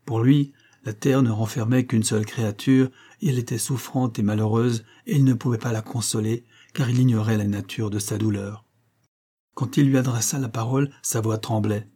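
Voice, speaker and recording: Man, audiobook narration, measured, steady, husky, mid pitch.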